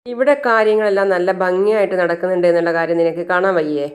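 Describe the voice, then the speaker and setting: A woman's voice: fairly low pitch, fairly even intonation, quick pace, natural voice. Lady doing a bossy mom, stern, scolding, own plain voice. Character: stern middle-aged mother, bossy.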